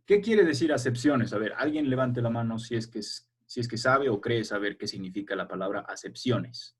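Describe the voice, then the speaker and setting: A man's voice: mid-range voice, moderate pace, breathy edge. A man teaching a primary school language class over a video call, explaining patiently step by step and checking that the children follow.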